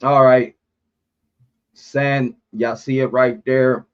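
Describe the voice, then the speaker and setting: A man hosting a casual livestream chat speaks at medium pitch with little variation, his tone clean though the audio is dull. He is from Puerto Rico, a native Spanish speaker, and his chatty talk rambles on with fillers and occasional curses.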